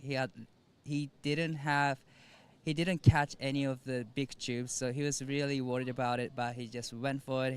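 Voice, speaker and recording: Male sports field interviewer, live event interpreting, brisk and clean-voiced. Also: medium pitch, clear, resonant tone. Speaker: post-heat interviewer and interpreter at a surf contest. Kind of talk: live sports interview, switching between two languages.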